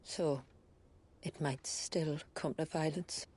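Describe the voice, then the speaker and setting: A dignified, solemn noblewoman for a game drama. Her voice is deep for a woman and rasps softly with breath. She speaks formally and very unhurriedly, with grave weight. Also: steady tone, slow. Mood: doubtful. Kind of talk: video game drama acting.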